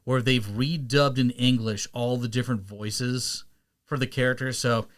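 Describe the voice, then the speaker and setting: A man in his thirties hosting a casual podcast, animated and quick to break into cartoon character impressions. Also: medium pitch. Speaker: podcast host. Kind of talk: casual chat.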